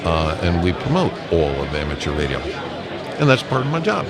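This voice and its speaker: At a busy convention, an amateur radio association representative gives a casual live interview, his low voice swinging widely in pitch as he talks fairly quickly. He explains things step by step and with emphasis, against a backdrop of crowd chatter.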